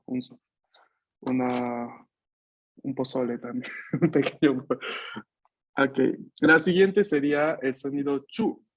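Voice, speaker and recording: A man teaching an online language class over a video call at home, patient and checking in often with his students. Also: mid-range voice. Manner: drills students with repeat-after-me. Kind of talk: online Italian lesson for Spanish speakers.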